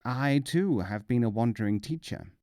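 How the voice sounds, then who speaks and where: A man's voice: medium pitch, animated, normal speed, mellow, no room sound, clean studio sound, lightly acted. A man voicing a cheerful, boastful wandering mullah in a storybook, chatty and breezily self-assured. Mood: breezy, boastful.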